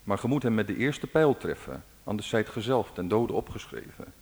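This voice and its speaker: A man's voice: lowish voice, lively intonation, moderate pace, a little mellow, long reverb tail. A man reading out the lines of a demanding witch-queen of the north in an old folk tale, with a commanding, proud manner. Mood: imperious.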